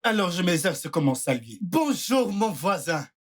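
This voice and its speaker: A woman's voice: lowish voice, big pitch swings, unhurried, slight background noise. A woman voicing a boastful villager who dreams of America and shows off a mock-American manner, in a dubbed film. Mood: playful. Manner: showy, teasing, mock-American put-on.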